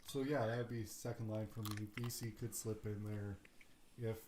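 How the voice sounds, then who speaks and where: A man with a slightly low voice talks hockey in a relaxed, opinionated way, dotting his points with fillers. He sits in an echoey room, and a steady background noise runs under his voice. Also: normal speed. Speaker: podcast co-host. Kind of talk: casual sports chat.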